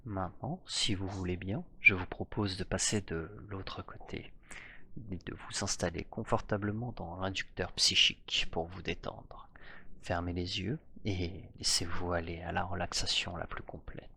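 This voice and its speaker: A man narrating a guided hypnosis journey in a soft, slow voice that drifts into whispers. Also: low-pitched, creaky, husky.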